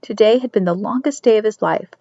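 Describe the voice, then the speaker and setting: A woman narrating a chapter of a novel in a steady storytelling manner, dropping to soft whispers for a character's thoughts. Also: mid-range voice, quick pace, no room sound. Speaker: audiobook reader. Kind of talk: scripted narration. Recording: dry, dull lo-fi recording.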